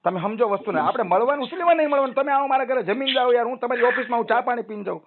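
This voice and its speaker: A man's voice: extremely high pitch, very fast. A man arguing his case at length on a recorded phone call, persuasive and lecturing. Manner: persuasive, lecturing, long-winded. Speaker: loan customer on a phone call. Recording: tinny phone line, faint noise.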